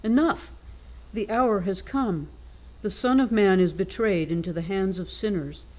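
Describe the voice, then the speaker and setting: A woman's voice: medium pitch, measured pace, a little mellow, low-quality recording. A woman delivering a formal gospel reading as a church reader. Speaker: scripture reader at a Good Friday service.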